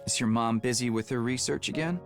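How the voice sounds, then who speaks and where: Low, dry-witted young boy. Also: fairly quick, soft background music. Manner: reluctant, dry, matter-of-fact. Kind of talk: game voice acting.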